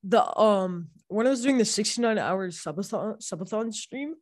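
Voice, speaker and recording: A woman's voice: mid-range voice, lively intonation, moderate pace, a little mellow, no echo, studio quality. Woman talking from under a blanket. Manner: blunt, jokey, offhand. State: recording under a blanket, muffled and dry. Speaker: podcast co-host. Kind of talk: casual podcast chat. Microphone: home microphone under a blanket.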